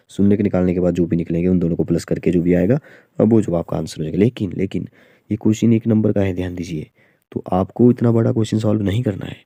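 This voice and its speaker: A man's voice: deep voice, mellow, dry recording. A man teaching a maths exam-prep lesson, explaining step by step with frequent fillers and checks like "okay". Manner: explains slowly with many fillers and "theek hai".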